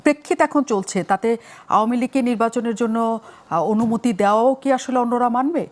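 Woman, talk show host, slightly high pitch, fast questions, hesitant fillers. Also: darkish tone. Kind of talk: moderating a political discussion.

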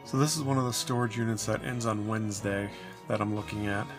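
A man's voice: on the low side, fairly even intonation, a little fast, over music. A man casually narrating a walkthrough of his cluttered storage room, rambling and asking viewers for help. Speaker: storage unit reseller.

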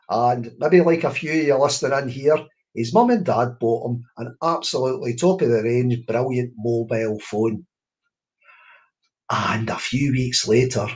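A man with a Scottish accent, reading his own playful poems aloud to children in an online workshop. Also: mid-range voice. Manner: lively, playful poetry reading with rhythmic delivery. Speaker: children's poet.

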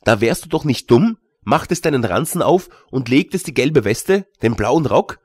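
A man's voice: mid-range voice, lively intonation, moderate pace, breathy edge, no echo. Guy voicing a cocky young craftsman, teasing and know-it-all, bouncy voice, dry close audiobook. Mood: scoffing. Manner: scoffing, lecturing. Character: bold, mocking young journeyman blacksmith. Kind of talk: audiobook character reading.

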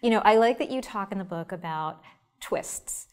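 A woman's voice: medium pitch, moderate pace. A woman hosting a studio interview, asking engaged, leading questions of her guest. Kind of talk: interview conversation. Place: bright studio set, seated in armchair.

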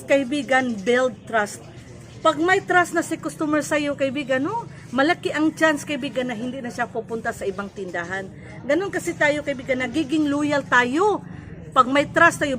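A woman's voice: fairly high pitch, a bit bright. Chatty Cebuano-accented woman vlogger. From Cebu, Philippines. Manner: chatty, repeats "kaibigan" and "no?", mixes in English. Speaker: sari-sari store owner vlogger. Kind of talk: casual advice vlog.

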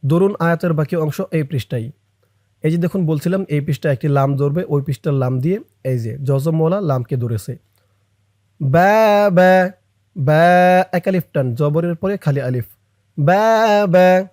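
A man's voice: fairly high pitch, fairly quick, dark tone, dry recording, clean studio sound. A man teaching Quran reading who explains the letters and drills the syllables for his learners.

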